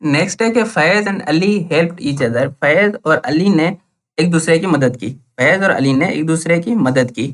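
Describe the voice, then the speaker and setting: A man's voice: fairly high pitch, a little slow. Man teaching English grammar in Hindi. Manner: repetitive, asks questions and answers them himself; explains English terms in Hindi, with Urdu words. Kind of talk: classroom-style lesson.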